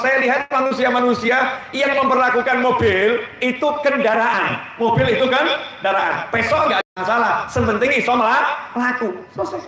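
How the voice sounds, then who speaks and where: An Indonesian preacher with an extremely high voice and a slight hiss or hum gives a humorous sermon in a large hall at a religious gathering. He tells lively stories with folksy Javanese asides, captured by a distant mic with echo and faint background ambience.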